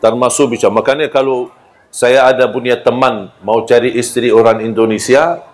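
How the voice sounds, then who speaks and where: With a medium-pitched voice at normal speed, an Arabic-accented man preaches a sermon full of humor. He tells stories with spirit, performing the quoted voices and joking with those listening.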